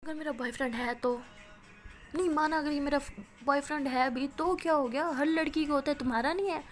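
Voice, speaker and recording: A woman's voice: high-pitched, a little fast, soft background music, voice pushed up, close to an everyday voice. A woman voicing an indignant young college woman who protests and argues back in exasperation. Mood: exasperated.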